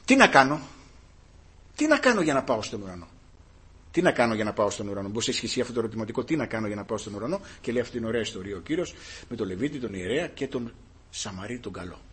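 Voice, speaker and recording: A man preaching an impassioned sermon, swinging from hushed tones to shouted rhetorical questions. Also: mid-range voice, expressive, husky.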